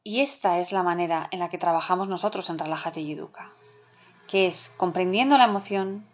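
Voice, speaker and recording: A woman's voice: fairly low pitch, a little fast. A middle-aged woman with a Spain Spanish accent teaching a live online masterclass for parents. She talks in an earnest, emphatic way and asks many rhetorical questions. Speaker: parenting educator.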